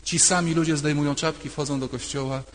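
Older priest preaching in echoing church. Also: male voice, a little high, fairly even intonation, brisk, a little hiss or hum. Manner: conversational, emphatic with repeated phrases. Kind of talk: sermon. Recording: long church reverb.

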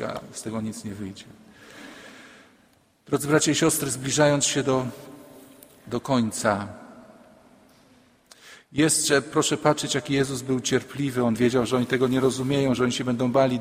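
Male priest preaching in a reverberant church. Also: medium pitch. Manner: emphatic, repeats key lines, humorous asides. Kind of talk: sermon to a congregation.

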